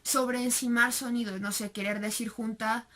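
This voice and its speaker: A young woman with a Mexican Spanish accent walks through a recorded class presentation. Her voice sits slightly high, and she explains step by step, filling pauses and tagging points with rhetorical questions. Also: fairly even intonation, bright, forceful tone. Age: young adult. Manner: explanatory, with frequent fillers and rhetorical tags. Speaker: student presenter.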